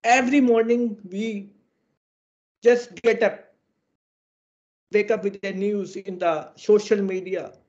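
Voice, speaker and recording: A high-voiced man with an Indian English accent speaks earnestly and formally, leaning on idioms. He is heard through a screen recording of a video call, and the sound is dull and lo-fi. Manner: earnest and exhorting, fond of idioms. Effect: screen-recorded video call audio. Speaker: webinar presenter on electrical safety.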